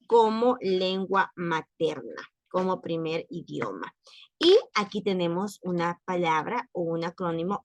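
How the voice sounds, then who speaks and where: A woman's voice: medium pitch, no room sound. A woman teaching French to Spanish speakers in a recorded lesson, patiently repeating and explaining words. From Latin America.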